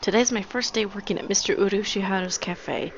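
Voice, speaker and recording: A woman's voice: mid-range voice, a little fast, a little hiss or hum, natural voice. Woman as a chatty, wry schoolgirl heroine. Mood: cheerful. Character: cheerful young schoolgirl heroine. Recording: dull lo-fi with game music.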